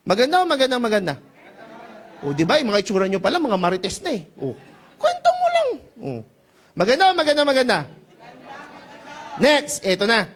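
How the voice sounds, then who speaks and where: A man with a high, bouncy voice presents a business seminar to a live audience in an event room. His pitch swoops up and down as he jokes and teases the crowd. He keeps throwing questions out and pushing for answers. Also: a bit bright. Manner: playful and teasing, calls out to the audience for answers.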